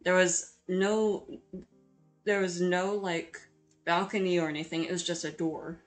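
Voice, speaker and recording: A woman's voice: on the low side, little pitch movement, unhurried. A woman giving a chatty, informal voice-over for her video, speaking in a hesitant, apologetic, self-deprecating way. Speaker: video creator hosting a drawing speedpaint. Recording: music playing behind the voice. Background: background music.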